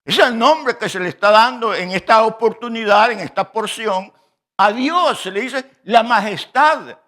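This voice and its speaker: A man preaching a sermon in a slow, teaching manner, often addressing the congregation as brothers. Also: sits high, sharp tone.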